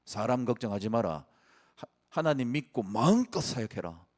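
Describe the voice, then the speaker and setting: A man's voice: mid-range voice, very animated, normal speed, close to an everyday voice. A man voicing an elderly dying pastor who regrets his small faith and earnestly urges a younger colleague on. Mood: regretful.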